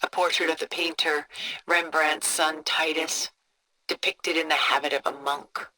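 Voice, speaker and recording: Tilda, refined woman, bright voice. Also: low-pitched, flat delivery, a little hiss or hum, rough recording. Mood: reflective, admiring. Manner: refined, measured, contemplative, soft breathy phrase endings. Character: cultured, composed older woman, wealthy art collector. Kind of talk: video game character dialogue, museum-guide storytelling.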